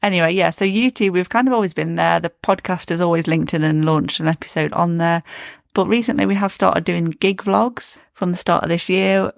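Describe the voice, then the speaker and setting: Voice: mid-range voice, fairly even intonation, a little fast, vocal fry, no room sound, studio quality. A podcast co-host chatting casually about their show and music news, laughing often. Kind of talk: casual chat.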